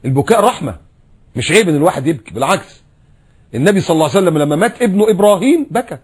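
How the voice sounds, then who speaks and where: A middle-aged man preaching a sermon in Egyptian Arabic, animated, full of rhetorical questions and mimicry. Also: sits high, very fast, husky. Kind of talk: colloquial sermon.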